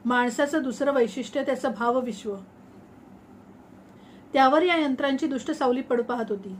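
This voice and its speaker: Woman story reader, high pitch, measured and reflective delivery. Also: slight background noise. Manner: measured, reflective, expressive reading. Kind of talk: reading a sci-fi short story aloud.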